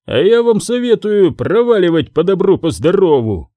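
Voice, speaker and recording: A man's voice: fairly high pitch, very animated, slow, darkish tone, no room sound. A male audiobook reader voicing a hostile goblin guard who growls and barks his lines. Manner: growling, barking.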